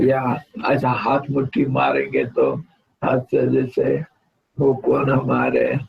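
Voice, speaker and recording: A man, a swami, giving a spiritual discourse in a slow, rambling and repetitive way that grows heated when he is challenged, with a gravelly, husky voice. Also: mid-range voice. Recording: dull lo-fi recording.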